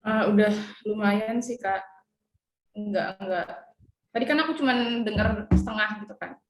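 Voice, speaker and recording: A woman's voice: mid-range voice, normal speed, a little hiss or hum. A young woman, a journalism student, politely practising news reading and talking through her feedback. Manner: polite, deferential. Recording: roomy echo.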